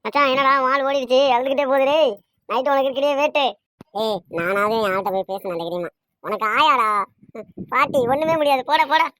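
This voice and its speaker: A woman's voice: high-pitched, a little fast, a bit bright. A woman voicing a cocky young man who brags and teases in a cartoon. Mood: mocking. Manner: brash, boastful, mocking. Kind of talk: cartoon voice acting.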